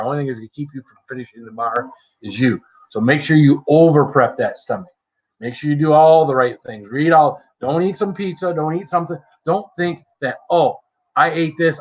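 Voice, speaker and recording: A man hosting a casual livestream chat in a chummy, self-deprecating way. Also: mid-range voice. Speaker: livestream host. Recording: dull lo-fi stream audio.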